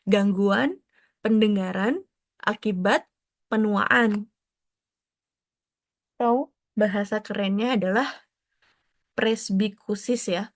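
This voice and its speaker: A woman tutor giving an explanatory lesson, stepping through technical terms and glossing each one, with frequent soft tag questions. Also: mid-range voice, slow, long pauses, no room sound, studio quality. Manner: explains step by step, drops in foreign technical terms and glosses them. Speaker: exam prep tutor.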